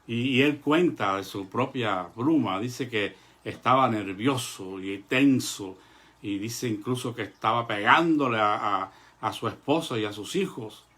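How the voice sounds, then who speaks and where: Male preacher, mid-range voice, earnest measured sermon delivery with frequent pauses. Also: medium pitch, fairly bright tone. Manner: addresses the congregation as brothers.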